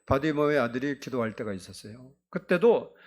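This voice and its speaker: A man's voice: medium pitch, sing-song, normal speed. A male pastor delivering an emphatic sermon in a church and prompting the congregation to answer back. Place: church sanctuary.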